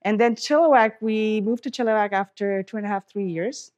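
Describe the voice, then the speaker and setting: A middle-aged Pakistani dentist, appearing as a guest, tells her story while cooking in a casual interview, acting out what people said with warm, chatty, quoted asides. Her mid-range voice moves a little fast, and the highs are cut off.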